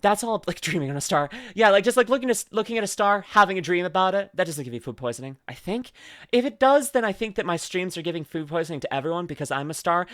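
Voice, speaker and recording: A vtuber streamer chatting through a reaction video, drowsy from medication, voice a little rough like a morning voice, rambling and giggly. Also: mid-range voice, animated, quick pace, a bit bright, no room sound, clean studio sound. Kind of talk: casual reaction commentary.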